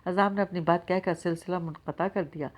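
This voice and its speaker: Woman narrator with a slightly low voice. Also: fairly even intonation. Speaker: audiobook narrator. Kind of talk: scripted novel narration.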